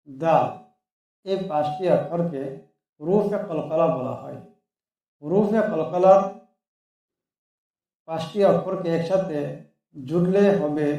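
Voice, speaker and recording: A man teaching Quran reading, calmly explaining the letters and repeating each syllable slowly for practice. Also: fairly high pitch, heavy reverb, distant mic. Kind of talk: slow step-by-step lesson.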